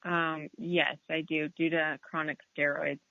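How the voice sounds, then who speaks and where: A woman's voice: sits low, flat delivery, measured pace, vocal fry, pushed and bright, no room sound. A woman in her thirties calling into a radio show, earnestly explaining with hesitant fillers. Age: 30s. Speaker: caller. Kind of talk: phone-in caller. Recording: tinny phone line.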